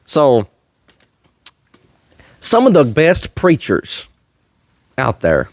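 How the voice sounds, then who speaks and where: A man's voice: medium pitch, wildly swooping pitch, extremely slow, dry recording. A man hosting a faith-based podcast, talking in an earnest, slightly preachy way and chuckling often. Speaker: podcast host. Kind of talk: faith-based casual chat.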